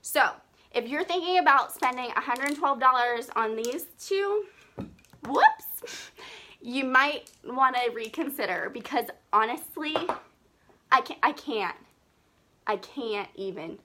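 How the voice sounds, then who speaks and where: A young woman talking on a live makeup video, gushing and excitable, breathing a little heavily. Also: high voice, measured pace, background noise. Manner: gushing, excitable, lots of "like" and "seriously". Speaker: beauty vlogger.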